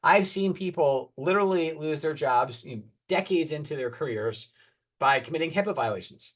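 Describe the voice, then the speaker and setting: A man's voice: on the high side, lively intonation, normal speed, a bit bright. Candid man presenting a talk. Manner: candid, earnest, wry; calls for next slides. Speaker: oncologist giving a talk. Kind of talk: conference presentation.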